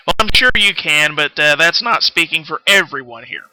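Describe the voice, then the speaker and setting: On a dry, poor-quality recording with background music, a man speaks at normal speed in a slightly high, animated voice with a sharp tone. He's casually telling stories on a game stream, rambling absent-mindedly and frequently losing track of where he was going.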